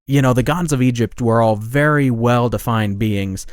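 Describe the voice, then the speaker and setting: Male podcast host, mid-pitched, rambling and self-correcting, dry close mic. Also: moderate pace, smooth, dry recording. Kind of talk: casual podcast monologue.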